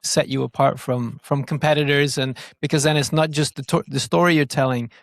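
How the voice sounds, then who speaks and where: A digital growth marketer appearing as a podcast guest talks in a medium-pitched, steady, slightly fast and creaky voice, recorded at studio quality with no room sound. He explains things in casual interview conversation, repeating words as he thinks, and speaks Norwegian brokenly as a non-native speaker.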